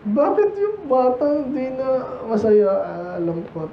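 High-voiced Filipino preacher in an echoey church. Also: male voice, sing-song, a little slow, a little hiss or hum. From Philippines. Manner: conversational, teasing, many rhetorical questions to the congregation. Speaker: pastor. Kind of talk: sermon. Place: church sanctuary. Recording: echoey, muffled church recording.

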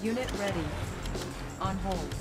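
A woman voicing a calm female base computer that gives short, level status announcements in a video game. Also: medium pitch, a little slow, lightly acted. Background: game music.

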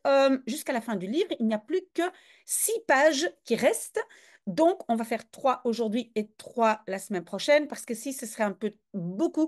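A woman whose voice is a little high and a little mellow gives a casual reading lesson as a reader and language teacher. She translates a comic aloud, chatting and explaining with frequent hesitations.

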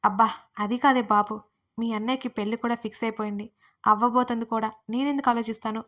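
A woman's voice: fairly high pitch, fairly even intonation, quick pace, fairly bright tone, lightly acted. Woman voicing a fretful, whiny young woman. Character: anxious young woman before an arranged meeting.

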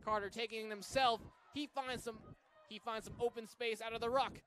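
A man from Massachusetts calling a live rugby match play by play, with energetic delivery that surges to shouts on big runs. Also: very high voice, brisk, a little hiss or hum. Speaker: play-by-play commentator.

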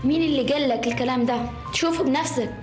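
A woman plays a tender cartoon mother who speaks very fast, in a fairly high voice. The recording is very echoey, with music clearly under it. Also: lightly acted. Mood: gentle. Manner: soft and reassuring. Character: gentle, devoted young mother. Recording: echoey room with loud music.

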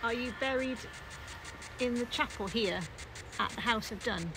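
A woman on a ghost hunt, quietly asking spirits questions. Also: fairly high pitch, measured pace. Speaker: ghost hunter. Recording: distant voice with loud outdoor noise.

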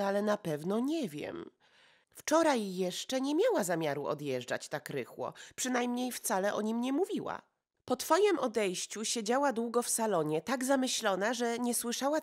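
Excitable gossipy society lady, breathless and exclaiming, voiced by a woman reading an audiobook. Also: a little high.

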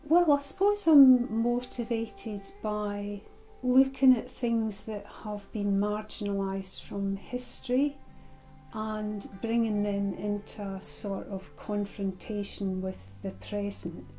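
A woman's voice: mid-range voice, steady tone, takes it slowly, warm tone, soft background music, low-quality recording. An older woman from Scotland, a retired artist, speaking reflectively in an interview. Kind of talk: interview monologue.

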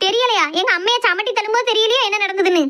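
A woman with a Kanyakumari Tamil accent playing a loud, dramatic sister-in-law who keeps accusing her family in a comedy skit. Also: very high-pitched, quick pace, over loud music.

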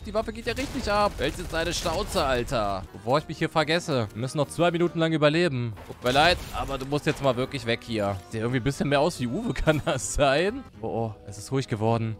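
A gaming YouTuber delivers joking Let's Play commentary in a medium-pitched voice, fairly quick with few pauses, over game music. He playacts a lazy, beer-bellied Thor and exclaims often, excitably crying "oh, oh".

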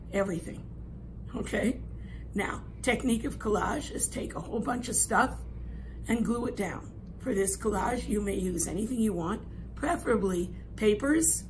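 A woman in her sixties with a hoarse, raspy voice that thins toward a whisper at times, teaching an art lesson in an instructive, emphatic way. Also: mid-range voice, rough recording. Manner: instructive, emphatic, checks understanding with "okay?". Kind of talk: classroom lesson, explaining an assignment. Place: classroom art room, indoors. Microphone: camera a few metres away. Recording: clear room noise.

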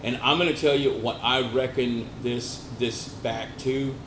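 A man co-hosting a cigar lounge podcast, talking with a cigar in his mouth, rambling with many pauses. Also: medium pitch, fairly even intonation. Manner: rambling, hesitant, lots of uh and you know. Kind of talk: casual sports chat. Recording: echoey room with loud background noise.

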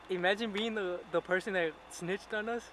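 A man's voice: sits high, steady tone, normal speed, over a noisy crowd, very noisy. A young man vlogging in a loose, joking way, cursing a lot. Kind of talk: casual vlog chatter.

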